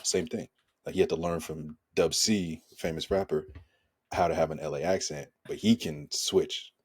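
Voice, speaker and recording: A man's voice: a bass voice, slightly rough. A man co-hosting a casual film discussion, laid-back and laughing at his own jokes. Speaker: podcast co-host.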